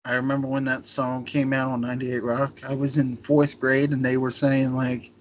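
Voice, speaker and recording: Casual podcast dude in his 30s, mid-pitch voice, rambles and loses his thread. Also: completely flat delivery, moderate pace, highs cut off, slight background noise. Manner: rambling, chatty, trails off mid-sentence. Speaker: podcast co-host. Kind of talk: casual chat.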